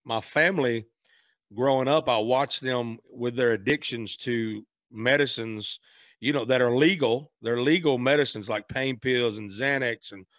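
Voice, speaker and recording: A man's voice: medium pitch, a little slow, a bit bright, no room sound. An earnest man with a drawl talks as a podcast guest, restarting his sentences as he goes. His voice sits mid-range. The recording is dry and close. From Memphis, Tennessee, raised in Arkansas. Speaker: guest, singer. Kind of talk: casual conversation.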